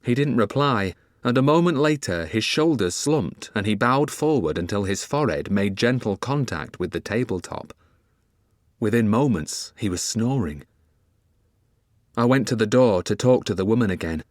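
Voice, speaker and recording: Expressive male audiobook narrator. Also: lowish voice, normal speed, dry recording, clean studio sound. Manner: expressive first-person storytelling.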